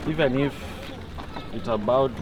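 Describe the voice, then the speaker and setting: Slow, halting young man from Congo. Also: mid-range voice, a crowd in the background. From eastern Congo. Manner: halting, searching for words. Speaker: refugee interviewee. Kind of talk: documentary interview.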